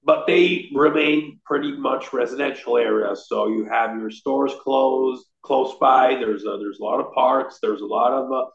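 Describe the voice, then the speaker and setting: A man in his thirties from Rome, Italy, with a light Italian accent, chats as a real estate guest on a video call from a desk in an indoor room, gesturing with his hands and often restarting sentences amid fillers. His mid-range voice is steady, unhurried, and gravelly, with hardly any pauses. The laptop camera mic gives roomy, dull video call audio.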